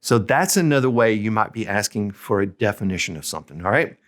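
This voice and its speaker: A man teaching Spanish grammar in a casual, explanatory way, often checking in with "okay?" and saying the Spanish examples slowly and clearly. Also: on the low side, lively intonation, a bit bright. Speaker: Spanish tutor.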